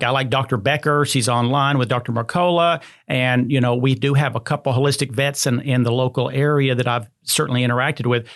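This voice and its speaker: Male podcast host, rambling and casual, mid-pitched. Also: fairly bright tone. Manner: rambling, many fillers and restarts.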